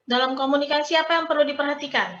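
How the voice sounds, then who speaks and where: High-pitched woman lecturing in a roomy echo. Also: fairly even intonation, rapid-fire, a bit bright. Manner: explains and recaps students' answers, asks questions. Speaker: nursing lecturer. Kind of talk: online class lecture. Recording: roomy, dull lo-fi sound.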